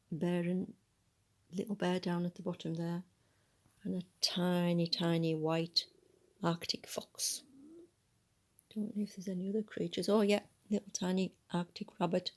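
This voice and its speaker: This storybook reader is a woman whose soft, breathy voice sits on the low side as she reads a picture book aloud. Along the way she muses conversationally about the pictures.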